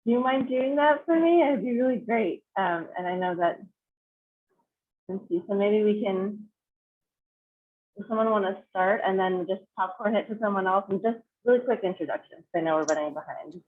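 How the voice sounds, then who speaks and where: Running a choir sectional online through a video call, this woman clinician chats away with plenty of fillers and restarts. She speaks at normal speed in a mid-range voice, and the call audio is tinny with faint noise.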